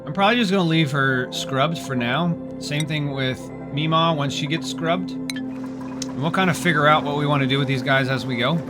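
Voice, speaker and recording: A man's voice: a little high, normal speed, loud music behind the voice. A man narrating his game as he plays, sarcastic and exasperated, grumbling at his characters. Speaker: gameplay streamer. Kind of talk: exasperated gameplay commentary.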